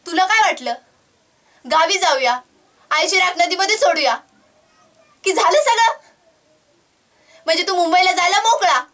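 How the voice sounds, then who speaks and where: A woman's voice: very high voice, lively intonation, unhurried, pauses often, fairly bright tone, recorded from a distance, full character voice. A woman playing a bitter, grieving mother who reproaches her son, tearful at times.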